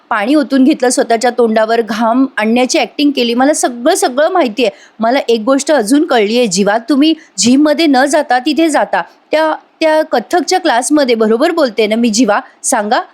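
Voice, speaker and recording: Tearful young wife, pleading and urgent, pitched a little high, read by a woman. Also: normal speed, darkish tone, lightly acted.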